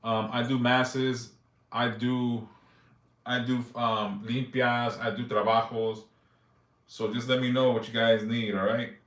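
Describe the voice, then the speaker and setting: This man, in his forties, runs a casual live stream where he reads viewer yes-or-no questions aloud and answers briefly, his talk loose and profane. He takes it slowly with a flat delivery, a medium pitch and a fairly bright tone in an echoey room.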